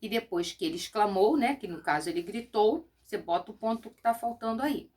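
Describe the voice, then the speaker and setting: A woman's voice: mid-range voice, animated, brisk, a little mellow. A middle-aged woman schoolteacher giving a recorded Portuguese lesson, explaining patiently step by step and often checking with short questions.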